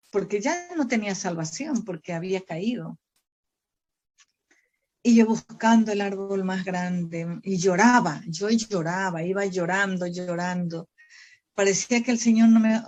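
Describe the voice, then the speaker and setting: A woman missionary telling a personal testimony during a church Bible study, swinging between loud, pleading bursts and hushed, tearful lows. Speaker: missionary preacher.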